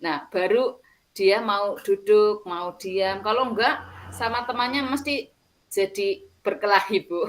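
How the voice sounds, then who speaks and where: Slow-speaking teacher woman, lilt. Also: medium pitch, poor audio. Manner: slow, hesitant, with fillers and soft laughs. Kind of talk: group discussion among teachers.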